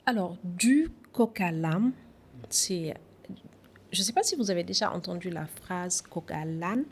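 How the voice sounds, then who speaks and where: A woman from Senegal, a guest on a podcast interview, speaking in a reflective, measured way with some hesitations. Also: lowish voice, lively intonation, a little hiss or hum.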